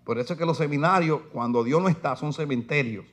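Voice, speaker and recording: Man preaching in a church, fairly high-pitched, emphatic, reads scripture and asks the congregation questions. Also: fast talker, fairly bright tone. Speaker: pastor. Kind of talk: sermon. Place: church sanctuary.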